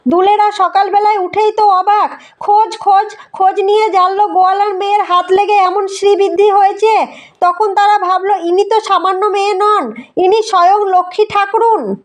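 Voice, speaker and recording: A woman reading a devotional folk tale aloud in a steady recitation, voicing the characters' lines within the narration. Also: very high-pitched, moderate pace. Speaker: storyteller.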